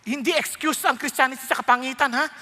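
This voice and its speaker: A Filipino-accented male pastor delivers a sermon with a high, bright voice. He tells stories in a lively, humorous way. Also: fast talker, slight background noise. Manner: animated, humorous storytelling.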